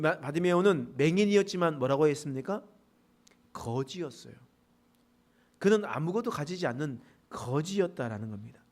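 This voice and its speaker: A man preaching a sermon as pastor in a church, animated and asking his congregation rhetorical questions. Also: on the high side. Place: church sanctuary.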